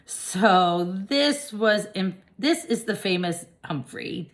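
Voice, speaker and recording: Woman doing a kind, high-voiced male librarian. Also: expressive, slow. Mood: welcoming. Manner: warm, welcoming, exclaiming.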